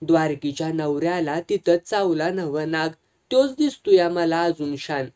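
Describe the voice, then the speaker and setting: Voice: mid-range voice, moderate pace, a little mellow, natural voice. A reader voicing a frightened old village patriarch who speaks rural dialect. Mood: fearful. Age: older. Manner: rural dialect, fearful, confessional. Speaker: village elder.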